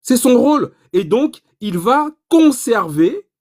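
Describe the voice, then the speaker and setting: A man giving an informal economics lesson, animated and provocative, asking himself rhetorical questions. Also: very high voice, takes it slowly. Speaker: economics explainer.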